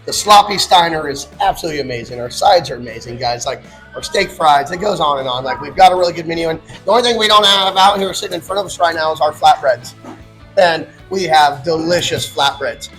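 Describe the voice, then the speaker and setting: A man's voice: on the high side, fairly quick, fairly bright tone, soft background music. A man who owns a barbecue restaurant, chatting casually and laughing often while eating. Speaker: restaurant owner.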